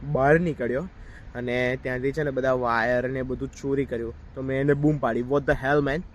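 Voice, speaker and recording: A man's voice: medium pitch, fairly even intonation, fairly quick, slight background noise. A man telling a story in a casual vlog, talking straight to his viewers while outdoors in a park. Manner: chatty, addresses viewers directly. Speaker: vlogger.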